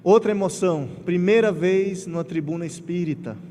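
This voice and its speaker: A middle-aged man with a Pernambuco accent giving an emotional, animated spiritist lecture, telling personal stories with acted quotes. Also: high voice, moderate pace. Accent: Pernambuco Portuguese. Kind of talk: lecture to a congregation. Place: large lecture hall. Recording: hall reverb with faint ambient noise.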